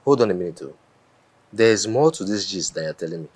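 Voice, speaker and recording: A man's voice: deep voice, lively intonation, brisk, a little mellow, breathy edge. An actor playing a self-assured, wealthy Nigerian man in a film drama. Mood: teasing.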